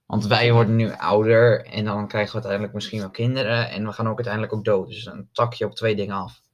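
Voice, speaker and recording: A young man chatting casually as a podcast co-host, halting with many fillers and restarts. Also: fairly low pitch, level tone. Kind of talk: casual chat.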